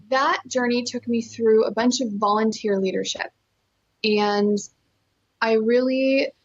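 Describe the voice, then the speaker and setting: A woman with a slightly high voice, heard through a muffled recording, tells her story as an interview guest with earnest, emphatic enthusiasm. Born in Costa Rica and living in California, she works as a nonprofit fundraiser.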